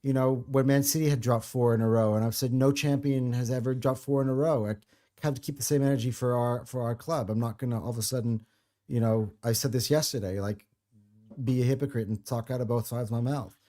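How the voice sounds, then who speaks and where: A man's voice: mid-range voice, fairly even intonation, fairly quick, mellow. Guy hosting a football podcast, fired up, keeps restarting his sentences. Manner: passionate, rambling, many restarts. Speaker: podcast host. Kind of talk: casual football podcast chat.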